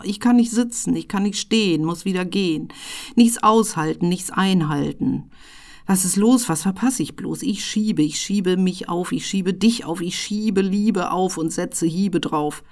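A woman giving a slow poetry recital, with a rhythmic delivery that breaks into sudden loud bursts and whispered phrases. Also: fairly low pitch.

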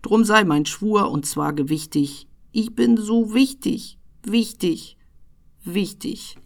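A woman voicing a small, self-important imp in a recited poem, swinging from whispers to loud boasts. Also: medium pitch, animated, slow pace, creaky, voice pushed up. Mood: boastful.

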